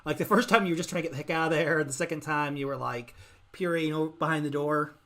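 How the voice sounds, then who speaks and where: A woman's voice: low voice, fairly even intonation, fast talker, a bit bright. Woman game master, chatty and giggly, loose rambling narration. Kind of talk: narrating a live tabletop game.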